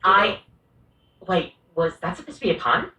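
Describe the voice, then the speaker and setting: A woman's voice: on the low side, animated, moderate pace, sharp tone, echoey room, far from the mic, poor audio. A woman voicing a rambling, coffee-obsessed female coffee machine barista in a video game, often apologizing and correcting herself.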